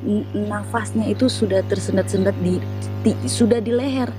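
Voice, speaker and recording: A woman's voice: mid-range voice, normal speed, music in the background, rough recording. A woman telling an earnest, emotional personal testimony as an interview guest.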